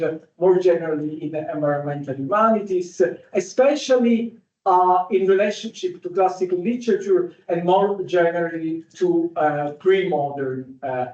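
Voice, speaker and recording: A man's voice: sits high, darkish tone. A man moderating an academic panel, hesitant and full of filler sounds, in a seminar room. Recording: echoey room, distant dull mic.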